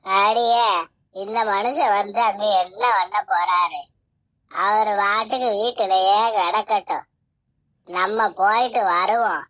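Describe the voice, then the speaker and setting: A woman's voice: medium pitch, slow, long pauses, fairly bright tone. A woman voicing a domineering, scolding village headman's wife in a cartoon. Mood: dismissive. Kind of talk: cartoon voice acting.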